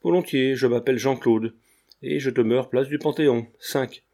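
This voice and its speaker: A man's voice: mid-range voice, steady tone, moderate pace, warm tone, lightly acted. A man reading aloud and voicing an earnest, romantic young painter who speaks firmly. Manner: firm, earnest.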